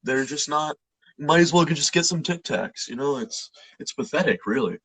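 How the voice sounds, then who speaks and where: Husky-voiced young man, excitable banter. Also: on the high side, normal speed, poor audio. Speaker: podcast co-host. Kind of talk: casual chat.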